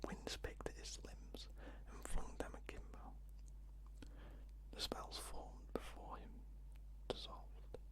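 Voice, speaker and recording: A narrator reading a fantasy story aloud in a breathy ASMR whisper, close to the microphone, deliberately and with pauses between short phrases. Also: rough recording. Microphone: close ear-to-ear stereo microphone.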